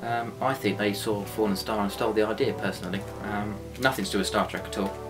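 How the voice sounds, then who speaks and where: Ein junger britischer Mann, Mitschöpfer einer selbstgedrehten Serie, plaudert scherzhaft und selbstironisch im Interview. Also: male voice, fairly low pitch, steady tone, fast. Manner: joking, self-mocking. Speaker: co-creator and actor of a home-made series. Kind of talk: casual interview chat. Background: guitar music.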